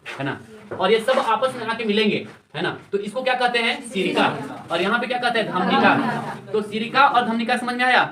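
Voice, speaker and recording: A man's voice: very high-pitched, fairly quick, crowd noise. A male teacher giving a classroom lecture, constantly quizzing his students and repeating their answers. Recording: echoey classroom, distant mic, students heard.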